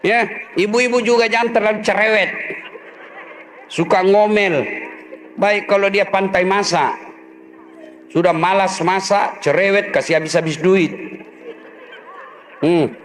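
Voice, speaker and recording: A man's voice: sits high, steady tone, unhurried, long pauses, a bit bright, a little hiss or hum. A middle-aged man, preaching a humorous sermon, joking and acting out husband and wife voices.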